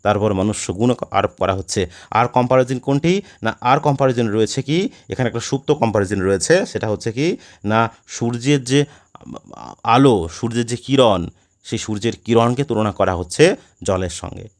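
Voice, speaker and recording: A man with a Bengali accent explains a poem in a lesson, speaking in an animated, medium-pitched voice at normal speed. He poses questions and answers them himself, frequently restarting words.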